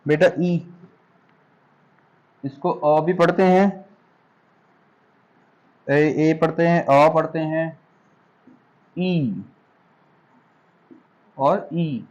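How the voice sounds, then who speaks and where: A man's voice: fairly high pitch, fairly even intonation, drawn-out words, long pauses, darkish tone, lo-fi sound. A middle-aged man from India teaching a spoken English class, patiently stretching out example words and calling his students "beta".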